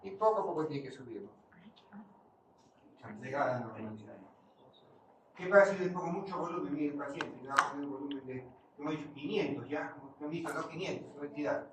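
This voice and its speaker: Male lecturer, higher voice, distant mic in a hall with steady noise; quizzes students as he teaches. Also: brisk. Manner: quizzes the class and answers his own questions. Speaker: physiology lecturer. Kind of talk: classroom lecture with questions to students. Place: lecture classroom. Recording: far-off mic in an echoey room, noisy.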